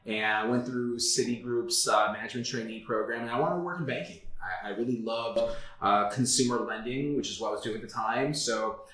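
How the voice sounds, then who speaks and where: In a mid-range, slightly bright voice and at a somewhat fast clip, a South Florida man in his thirties candidly recounts his career during a casual interview. His talk is peppered with "like" and "uh," and the office room he's in sounds echoey.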